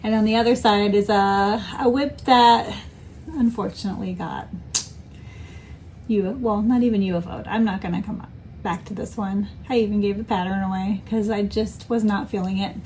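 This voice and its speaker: A woman's voice: medium pitch, steady tone, normal speed, a little mellow, slight background noise. A woman in casual chat as a crafting vlogger, rambling and correcting herself with many ums. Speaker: cross-stitch vlogger.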